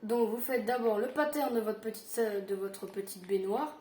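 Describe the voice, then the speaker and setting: Chatty woman with a high voice. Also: mellow, reverberant, a little hiss or hum. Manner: chatty, halting, many fillers and self-corrections. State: tired. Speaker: Minecraft tutorial youtuber. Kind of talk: casual gaming tutorial.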